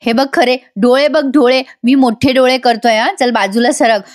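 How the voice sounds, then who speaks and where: A woman voicing a stubborn, irritable young husband in a serial recap, snapping back with impatient retorts in her own fairly high voice. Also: steady tone, moderate pace, close to an everyday voice. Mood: irritated.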